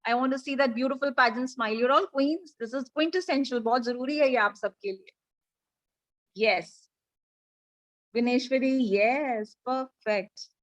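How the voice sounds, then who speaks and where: An energetic Indian-accented woman runs a live online grooming class, voice pushed up and projected to hold attention. Her pitch sits fairly high, yet she takes her words at an unhurried, deliberate pace, switching between English and Hindi as she coaxes her students. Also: poor audio. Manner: mixes English and Hindi, coaxing and directing the class. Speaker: pageant grooming coach. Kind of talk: live online coaching session. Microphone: video call.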